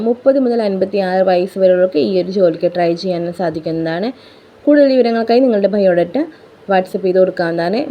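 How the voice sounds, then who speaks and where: A woman hosting a job vacancy channel, reading listings to viewers in an even announcing manner and spelling out phone numbers digit by digit. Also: on the low side, muffled recording.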